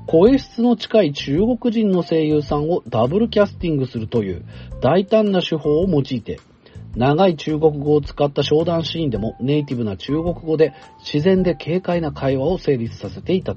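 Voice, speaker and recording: A man hosting a radio talk show, reading listener mail aloud in a chatty manner with casual asides. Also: fairly high pitch. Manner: chatty and animated, with asides and laughs. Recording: dull broadcast sound, faint music behind.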